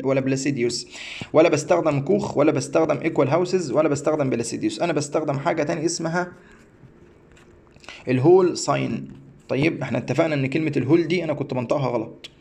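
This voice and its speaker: This astrology teacher, whose accent is Egyptian Arabic, gives a screen-share tutorial on a website, going step by step but rambling, repeating, and frequently stumbling before restarting. His voice is fairly high, gravelly, and somewhat dark in tone.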